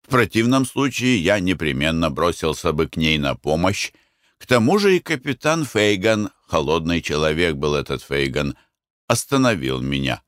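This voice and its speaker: Expressive low-voiced male audiobook narrator. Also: normal speed, no echo, clean studio sound. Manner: expressive, even-paced reading. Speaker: audiobook reader. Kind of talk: scripted narration.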